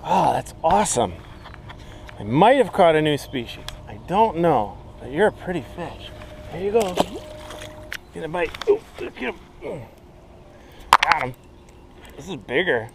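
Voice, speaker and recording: A man in his forties, fishing from an outdoor riverbank, chatting excitedly to the camera and to the fish he catches. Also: a little high, a little slow, vocal fry, pauses often, heavy background noise. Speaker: fishing vlogger. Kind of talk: casual narration while fishing. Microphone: chest-mounted action camera.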